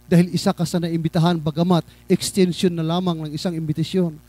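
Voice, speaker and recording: High-voiced preacher, dry close sound. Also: male voice, flat delivery, quick pace, no echo. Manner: swings from loud high exhortation to low hushed storytelling. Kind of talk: sermon.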